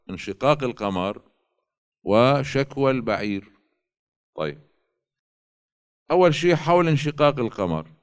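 A man giving a religious lecture, reading classical quotations slowly and explaining them in colloquial asides. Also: medium pitch, clean tone. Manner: alternates slow quoted readings with colloquial asides.

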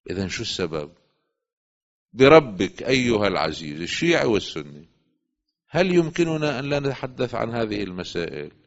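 A man giving a religious lecture, swinging between loud urging and quiet asides. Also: lowish voice. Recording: dull lo-fi recording.

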